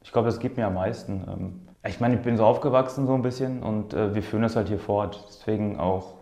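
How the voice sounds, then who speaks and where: In a roomy, echoing recording, a professional footballer fields interview questions with a fairly low, dark voice and a fairly quick pace. He's a native Polish speaker, born in Poland and raised in Germany's Ruhr area, who answers casually while groping for words and repeating himself.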